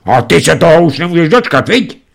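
A man's voice: medium pitch, vocal fry, pitched above the performer's own voice, close to an everyday voice. A man voicing a proud, melodramatic aristocratic father in a storybook reading. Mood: outraged. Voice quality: pompous, melodramatic. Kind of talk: audiobook reading.

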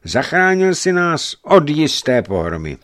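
A man voicing a gruff old male ship's helmsman in a storybook reading, grumbling and plain-spoken. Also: on the high side, big pitch swings, a bit bright, pitched above the performer's own voice. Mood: approving.

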